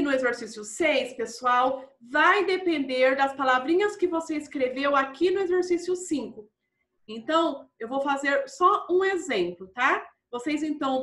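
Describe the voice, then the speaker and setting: A woman's voice: high-pitched, a bit bright, reverberant. A woman teaching a primary school class, patiently walking through exercises and often checking in with the children. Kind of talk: classroom lesson walkthrough.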